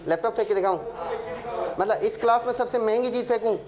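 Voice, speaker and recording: A man's voice: high voice, quick pace. A male maths teacher giving a classroom lecture, working sums aloud and joking and teasing with his students. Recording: crowd of students audible.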